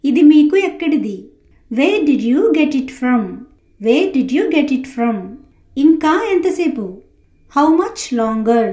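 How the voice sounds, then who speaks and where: High-voiced woman teaching English slowly. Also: warm tone, reverberant. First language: Telugu. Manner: says each English sentence slowly twice after a brisk Telugu line. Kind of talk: spoken English lesson, slow repeated sentences.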